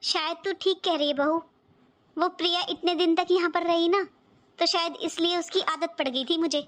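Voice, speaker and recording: A very high, thin-voiced cartoon mother who lectures her grown daughter patiently but firmly. She sounds worried and earnest throughout. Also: steady tone, normal speed, fairly bright tone. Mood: reflective. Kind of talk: cartoon voice acting.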